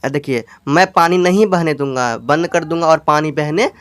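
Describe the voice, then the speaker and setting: Hindi-accented male english teacher, smooth voice. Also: a little high, a bit bright, dry recording. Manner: explains slowly, repeats lines, asks students questions; reads English lines very slowly, word by word. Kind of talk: bilingual English lesson reading a storybook.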